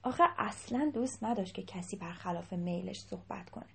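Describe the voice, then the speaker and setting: A woman telling a children's story in a lively voice, dropping into whispers at times. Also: mid-range voice, creaky, slight background noise. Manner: animated, dips into whispers.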